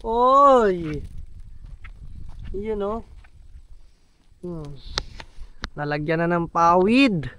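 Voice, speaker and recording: A man's voice: sits high, expressive, very slow, pauses often, a bit bright, slight background noise. A man vlogging outdoors at a camp build site, talking directly to his viewers in a casual, upbeat way. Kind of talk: casual vlog narration.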